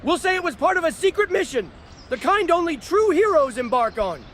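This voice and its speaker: Very high-pitched, grandiose eccentric mystic. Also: male voice, very animated, fairly quick, a bit bright, a little hiss or hum, full character voice. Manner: theatrical, grandly declaiming. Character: whimsical, grandiose eccentric mystic who reveres spirits and prophecy. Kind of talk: scripted fantasy comedy dialogue.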